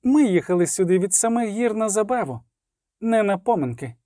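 A man voicing a bold young female elf dancer who shouts to rouse the crowd, in an audiobook. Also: high-pitched, expressive, fairly quick, dry recording, clean studio sound, voice pushed up. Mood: rousing, brash. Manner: loud, commanding, rousing the crowd. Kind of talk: audiobook character voice.

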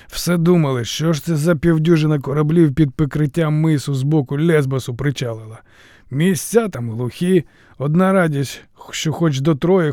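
A man's voice: on the high side, warm tone, no echo, clean studio sound, voice pushed up, natural voice. A man voicing a boisterous, jovial, mighty Thracian warrior in an audiobook, brash and good-natured.

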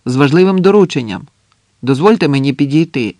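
A man reading a young partisan messenger who shouts and pleads with soldiers in a trench, in an audiobook. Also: fairly high pitch, big pitch swings, unhurried, no echo, clean studio sound. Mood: pleading shouts.

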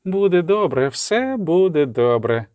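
Man playing a soothing woman sorceress, soft, coaxing, raised pitch, audiobook. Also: very animated, a little slow, no room sound, clean studio sound.

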